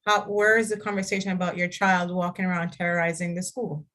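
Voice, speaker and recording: A woman's voice: lowish voice, flat delivery, fast, a bit bright. A woman who is an author and radio guest, mostly agreeing and adding short reflective comments in casual conversation.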